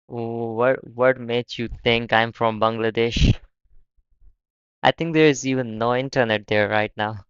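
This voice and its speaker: A young man from Pakistan hosting a casual live stream, talking haltingly and often repeating his words. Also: mid-range voice, steady tone, a bit bright, clean tone, dry recording, muffled recording. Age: young adult. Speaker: livestream host.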